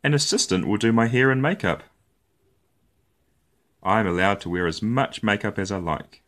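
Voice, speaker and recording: A man whose pitch is fairly low brings a picture book to life for young listeners. His reading is expressive and storylike, with deliberate, playful phrasing.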